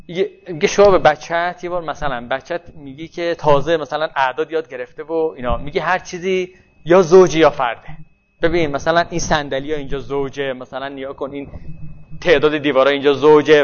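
Man, teacher, high voice, conversational lecture, checks students follow, dull lo-fi recording. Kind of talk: classroom lecture.

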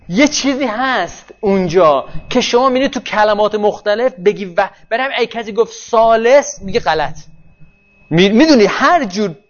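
Man, teacher, high voice, conversational lecture, checks students follow, dull lo-fi recording. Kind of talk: classroom lecture.

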